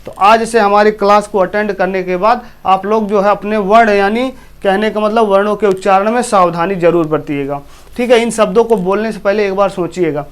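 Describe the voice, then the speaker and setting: A man's voice: high-pitched, steady tone, moderate pace, smooth. A man teaching a class with a Hindi accent from eastern Uttar Pradesh, often repeating himself and asking his students questions. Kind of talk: classroom lesson.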